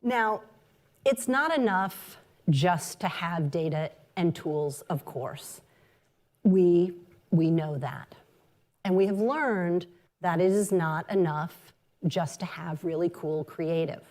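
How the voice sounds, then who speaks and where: A woman marketing executive giving a conference talk, measured and sprinkled with ums and uhs. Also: lowish voice, a little mellow.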